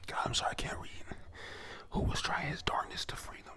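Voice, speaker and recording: A man's voice: brisk, sharp tone. A man whispering a rambling ASMR review of a comic chapter, full of fillers and self-corrections.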